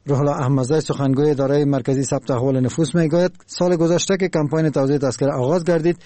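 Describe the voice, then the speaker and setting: Male radio reporter, Afghan Dari accent, mellow tone, steady formal delivery, dry studio sound. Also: fairly high pitch, no room sound. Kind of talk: scripted news report. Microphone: studio microphone.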